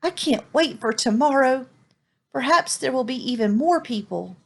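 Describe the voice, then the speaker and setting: Brief: woman reading as a hopeful young donkey boy in a storybook, proud and eager, voice a touch high. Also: expressive, normal speed, creaky, husky, full character voice.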